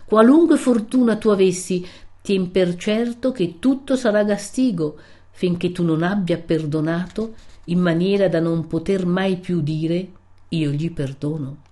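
Female reader as severe elderly friar, storybook reading: solemn, rebuking, lower voice. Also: mellow, natural voice. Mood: grave. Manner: solemn, rebuking, slow and grave at times. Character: stern old male friar, severe and righteous.

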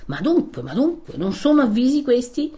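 A woman's voice: fairly high pitch, sing-song, moderate pace, dark tone, pitched above the performer's own voice. A woman voicing a timid, fussy old male village priest who anxiously scolds a young man. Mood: fretful.

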